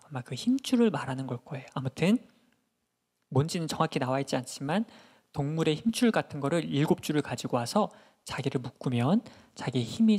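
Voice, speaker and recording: Husky-voiced man telling a children's sermon. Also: on the high side. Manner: animated, asks children questions. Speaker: children's pastor.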